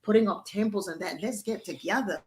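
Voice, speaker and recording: A woman spiritual teacher speaks at a middle pitch, exhorting her listeners and checking in with them as she goes. She tells a teaching story in an easy, conversational way, with answers from the group woven in. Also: brisk, a little mellow. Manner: exhortative, storytelling with call-and-response.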